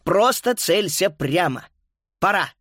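A man's voice: sits high, animated, slow pace, a bit bright, no room sound, studio quality, exaggerated voice. A man doing a bold, bossy young schoolboy. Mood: eager. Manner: eager, commanding. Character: bold cheeky schoolboy ringleader.

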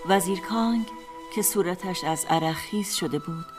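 Low-voiced woman narrating a tale. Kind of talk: scripted storybook narration. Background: faint music.

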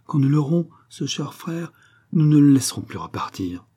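A man voicing a gentle devoted young woman. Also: fairly high pitch, big pitch swings, normal speed, breathy edge, pitched above the performer's own voice. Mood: fond. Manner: soft, raised voice for a girl. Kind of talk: audiobook character reading.

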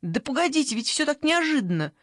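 A woman's voice: mid-range voice, lively intonation, moderate pace, dry recording, voice pushed up, natural voice. A woman voicing a flustered, complaining elderly grandmother in an audiobook, stammering and fretful, with a dry close sound. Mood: anxious. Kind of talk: audiobook character voice.

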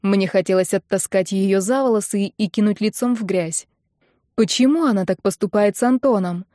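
A woman narrates a first-person audiobook with an intense, emotional delivery. Her voice sits at a middle pitch and is recorded close and dry, with no room sound. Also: normal speed, mellow, dry recording.

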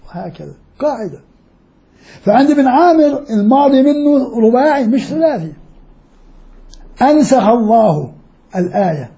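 A man teaches a class, his voice very high yet very dark and mellow. He explains grammar step by step, drawing out key words slowly. He keeps checking in with questions to his students. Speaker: Islamic studies lecturer. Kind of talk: classroom lecture on Quran readings and grammar.

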